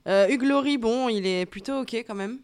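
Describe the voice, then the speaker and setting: A woman's voice: on the high side, normal speed, darkish tone, clean tone. A woman co-hosting a casual review chat, blunt and hesitant with fillers. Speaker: podcast co-host reviewing a series.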